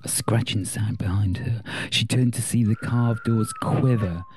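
A man narrating a story in a measured, steady audiobook style. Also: on the low side, a little hiss or hum.

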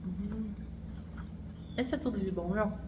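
A woman's voice: mid-range voice, a little slow. A middle-aged Brazilian mother hosting a casual taste-test vlog, speaking chattily with her mouth full of chocolate. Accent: Brazilian Portuguese. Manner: chatty, exclaims and asks a lot. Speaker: mother and channel host. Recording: noisy home recording.

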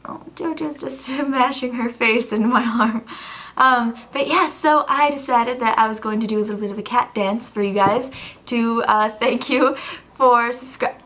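A young woman with a fairly high voice talks casually to her viewers as a video blogger. She is gushing and giggly, with an informal, bubbly delivery. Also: normal speed, fairly bright tone. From Canada. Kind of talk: casual chat to camera.

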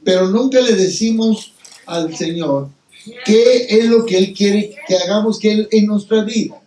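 A man giving a sermon-style Bible reflection, telling the story in an animated way and acting out the voices of the people in it. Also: high voice, unhurried. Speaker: lay preacher. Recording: roomy hall, distant mic.

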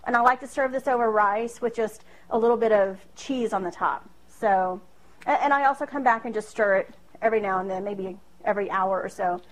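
Here a home cooking video host, a woman in her thirties, talks briskly in a mid-range voice as she demonstrates a recipe in her small kitchen. The recording, made by a camera across the room, is rough. Her manner is chatty and self-deprecating, peppered with fillers and laughter.

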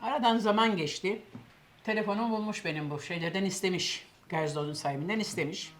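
A woman's voice: mid-range voice, fast talker. Older woman, chatty anecdote, acts out quoted voices, faint background hiss. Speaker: cooking show host telling a story. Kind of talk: casual anecdote.

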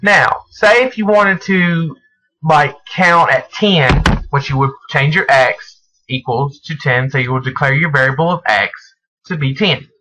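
A man narrating a step-by-step programming screencast, speaking in halting, deliberate phrases as if dictating while he types. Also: fairly high pitch, bright, forceful tone. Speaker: programming tutorial presenter. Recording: noisy home recording with mouse and key clicks. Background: clear background noise, clicking.

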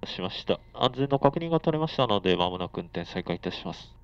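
On a moving commuter train, a conductor with a lowish, creaky yet smooth voice makes formal, polite announcements at a quick pace and with lively intonation. The onboard speaker sounds muffled and noisy, and faint train and air-conditioning noise sits in the background.

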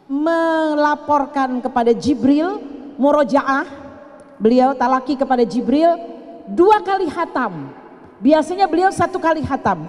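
A woman's voice: sits high, darkish tone. An older woman preaching to a women's gathering at a mosque, chatty and playful, teasing her listeners. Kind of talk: sermon. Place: mosque hall. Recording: long hall reverb.

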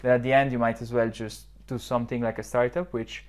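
A young startup founder in his twenties from southern Switzerland answers reflectively in a podcast interview, speaking briskly in a level, medium-pitched voice. He uses many fillers and restarts. The recording was made on a lapel mic indoors, in a modern office lounge.

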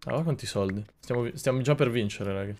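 A young man streaming a video game, with a middle-pitched voice. He swears constantly, mocks himself, and breaks into sudden loud yells. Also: a little fast, slight background noise. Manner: excitable, swears a lot, self-mocking, yells in bursts. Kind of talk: gaming commentary.

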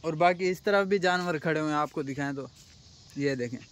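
A man's voice: fairly high pitch, fairly quick, a little hiss or hum. A young man from Pakistan vlogging a casual walking tour of a cattle farm, guiding viewers and asking the workers questions. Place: outdoor rural cattle farm.

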